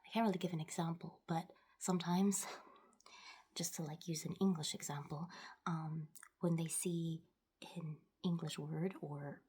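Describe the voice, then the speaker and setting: A woman whispers quickly and softly in a casual, rambling ASMR chat, close to the microphone, trailing off and picking thoughts back up. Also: deep voice, steady tone. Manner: fast whispering, breathy and soft-spoken. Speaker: ASMR video host.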